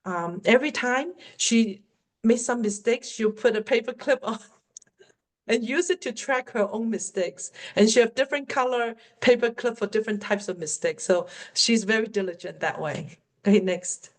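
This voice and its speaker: This middle-aged woman, a native speaker of Cantonese with an accent to match, teaches workplace communication by fielding questions in an online webinar. Her pitch is fairly high. She sounds earnest and supportive, slowing deliberately on her main points.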